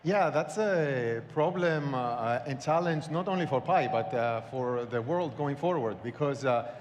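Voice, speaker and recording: A man giving remarks as a conference panelist, with a halting, searching delivery. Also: mid-range voice, muffled recording. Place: large conference hall. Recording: echoey hall, background noise.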